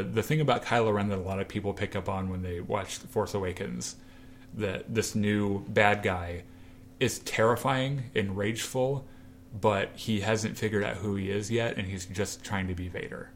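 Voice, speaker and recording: Man co-host, low voice, animated storyteller, faint room hum behind. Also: moderate pace. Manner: animated storyteller, acts out quoted lines. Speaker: podcast co-host. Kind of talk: casual chat retelling a comic.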